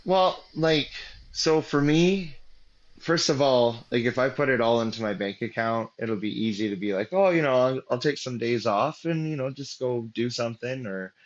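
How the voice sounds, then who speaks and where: A man's voice: mid-range voice, lively intonation, normal speed, dull audio. A man as an interview guest, telling a story casually with many fillers and restarts, acting out what people said. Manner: rambling, many fillers and restarts, acts out quotes.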